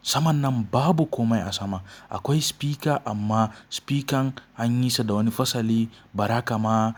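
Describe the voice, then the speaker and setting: A male tech reviewer with a Nigerian Hausa accent. He presents an unboxing as a channel host, walking viewers through a product. His voice sits at a middle pitch. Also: moderate pace. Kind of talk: phone unboxing and review narration.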